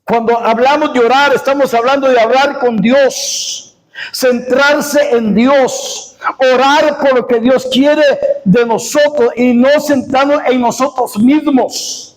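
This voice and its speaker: A male preacher delivering a sermon, repeating key phrases and rising into shouted passages. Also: very high-pitched, fairly even intonation, measured pace, rough recording. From Costa Rica.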